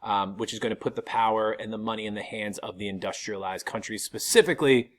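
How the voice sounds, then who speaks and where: A man's voice: on the low side, quick pace. A middle-aged American man teaching history in an informal video lecture, explaining things in a colloquial way with casual asides.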